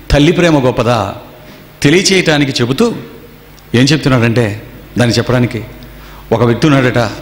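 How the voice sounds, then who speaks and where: A man preaching a sermon to a gathering. He tells stories and keeps firing rhetorical questions at his listeners. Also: mid-range voice. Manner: storytelling with rhetorical questions to the audience. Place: seminar hall. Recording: echoey hall with long reverb.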